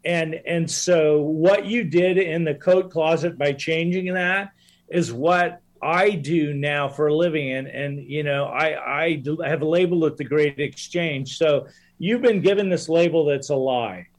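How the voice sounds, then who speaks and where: A man's voice: fairly high pitch, unhurried. A man who works as a life coach, a guest in a casual interview, talking in an earnest, reflective way.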